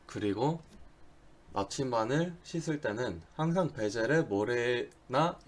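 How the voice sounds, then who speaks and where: A man who is not a native Korean speaker gives an instructional lecture, with a halting delivery and slips on words. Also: medium pitch, lively intonation. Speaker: diving instructor giving a lecture. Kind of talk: instructional slide presentation.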